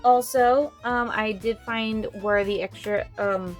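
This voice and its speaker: A woman talks slowly and in a mostly monotone way while she sorts and counts cash for her budget. She thinks out loud and often drops to a murmur as she counts bills. Faint music plays quietly behind her. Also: fairly high pitch. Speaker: budgeting vlogger.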